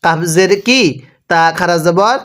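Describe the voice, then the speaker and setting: A man with a Bangladeshi Bengali accent leads a Quran reading lesson, spelling each word out syllable by syllable. His voice sits high and comes through smooth and clear. He takes his time, stretching the recited words long. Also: fairly bright tone. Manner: spells letters syllable by syllable, then recites slowly and draws out the words.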